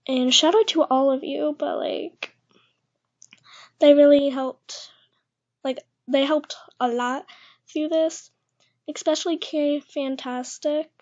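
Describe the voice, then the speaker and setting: A young woman with a light lisp and a high, youthful voice talks slowly and quietly, stopping often with "um" and "like" as she chats shyly to her viewers. She keeps her voice down at home, and the recording sounds dull and lo-fi. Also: steady tone. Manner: awkward, hesitant, speaking quietly to keep her voice down. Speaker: channel host. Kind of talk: casual vlog chat. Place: echoey house, indoors.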